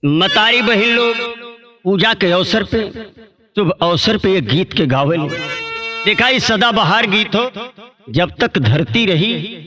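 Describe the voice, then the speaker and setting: A man with a Bhojpuri accent performs a folk tale as a birha storyteller, his voice pitched high and his delivery unhurried. He declaims each line dramatically and breaks into emotional exclamations, while folk band music plays clearly behind him. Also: lively intonation.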